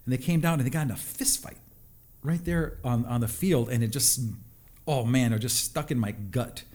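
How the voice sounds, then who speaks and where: A middle-aged man, telling personal stories casually in a reflective, halting way. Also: mid-range voice, darkish tone. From a North American reservation. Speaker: interview guest, psychologist and musician.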